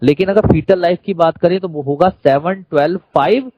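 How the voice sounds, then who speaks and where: A man's voice: sits high, moderate pace, muffled recording, a little hiss or hum. A man with an Indian accent teaching a classroom lecture, who keeps quizzing the class and repeating key terms.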